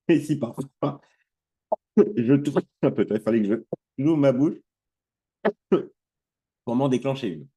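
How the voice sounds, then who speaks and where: A man's voice: medium pitch, slow, pauses often, mellow. A man with a sore throat giving a casual online training presentation, hesitant and full of fillers and restarts. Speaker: trainer presenting an affiliate platform.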